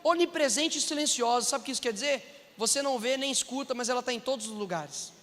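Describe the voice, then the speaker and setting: A Brazilian man delivers a sermon in a very high, bright and cutting voice. He speaks with animation and puts on the voices of the people he quotes. The sound carries a long reverb, like an echoing church hall. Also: quick pace. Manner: animated, acts out quoted voices, addresses listeners as brothers. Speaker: preacher.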